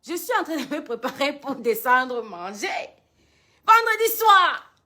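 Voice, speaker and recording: A woman's voice: high-pitched, big pitch swings, a little slow, pushed and bright. A woman telling a story to her followers in a dramatic, emphatic way. She mixes English phrases into her talk.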